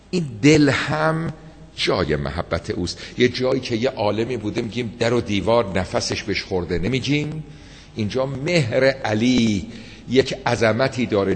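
Gravelly low-voiced man preaching in a reverberant hall. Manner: slow, emphatic, rising to impassioned peaks. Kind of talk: religious sermon with told stories.

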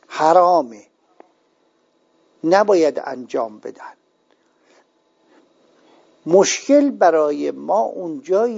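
An older male cleric giving a religious lecture, speaking in measured, emphatic, drawn-out phrases. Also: on the high side, creaky, dark tone. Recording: dull lo-fi recording.

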